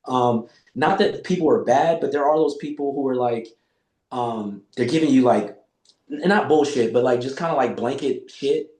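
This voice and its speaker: Here a man in his forties, guesting on a podcast, chats casually in a mid-range, slightly mellow voice at a moderate pace. His storytelling is loose and profane, with quotes acted out. Roomy echo fills the recording.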